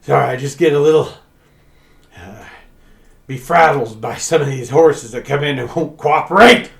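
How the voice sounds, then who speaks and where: A worn-out sheriff stuck doing smith work in a tabletop game, as a man acts him out, gruff, flustered and exasperated, with a raised, loud voice. He sounds like he is in a roomy space. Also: on the high side, normal speed. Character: frustrated, flustered small-town sheriff working as a smith.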